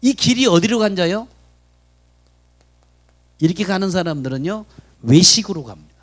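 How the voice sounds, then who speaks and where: A man's voice: high voice, expressive, moderate pace. A man preaching a sermon as pastor at a Friday prayer meeting in a church, often putting questions to the congregation. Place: church sanctuary.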